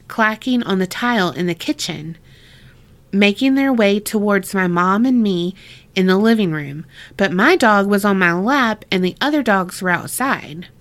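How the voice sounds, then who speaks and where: A woman's voice: mid-range voice, lively intonation, unhurried, fairly bright tone. A woman co-hosting a podcast, chatting casually, reading a listener's story aloud, laughing often and swearing freely.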